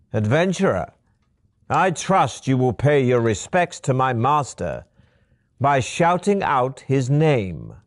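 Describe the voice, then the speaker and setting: A man voicing a scornful, booming disembodied voice that rules over a dungeon, during a gamebook read-aloud. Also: dry recording, clean studio sound, full character voice. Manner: booming, sneering, contemptuous.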